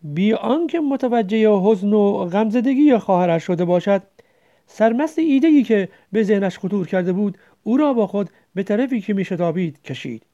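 A woman narrating a story in a measured way, slowing down for emphasis. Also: mid-range voice, lively intonation, mellow. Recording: dull lo-fi recording.

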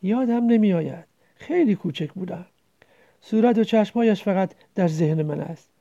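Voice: mid-range voice, lively intonation, creaky, dark tone, highs cut off. A reader voicing a dying village man, weary and short of breath. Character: sick poor village man near death.

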